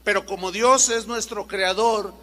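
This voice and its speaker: Pastor, high bright voice, very lively sermon delivery, echoing church hall. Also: male voice, measured pace. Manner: lively, acts out little dialogues, rhetorical questions.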